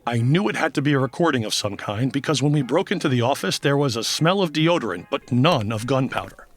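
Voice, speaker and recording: Guy doing a calm formal mystic detective, dry and precise, voice moves around a lot, comedy audio drama. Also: medium pitch, a little fast, close to an everyday voice. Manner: patient, precise, dryly exasperated.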